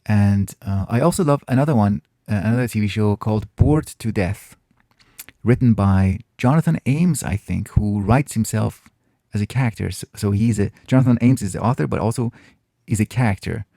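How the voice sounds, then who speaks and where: Answering questions from his viewers, this host, whose first language is Farsi, muses aloud in a relaxed Q&A. He sounds thoughtful and halting, with a mellow, gravelly low voice captured in a dry, close recording, frequently stopping and starting phrases over.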